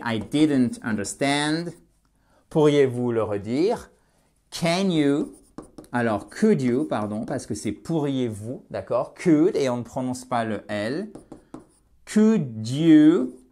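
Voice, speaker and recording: A man teaching English in a lesson, slowly stressing phrases for learners to repeat. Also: mid-range voice, darkish tone. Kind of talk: language lesson with repetition drills.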